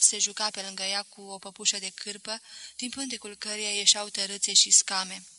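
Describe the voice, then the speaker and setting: A woman narrating a novel as an audiobook reader, in a measured, expressive way. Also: mid-range voice, no echo, low-quality recording. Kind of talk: scripted narration.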